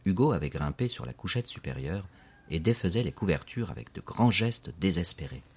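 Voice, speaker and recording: A man reads a children's story aloud with steady, expressive narration. His voice is very deep and carries a husky, breathy grain. He paces the scenes like a seasoned audiobook reader. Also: fairly quick.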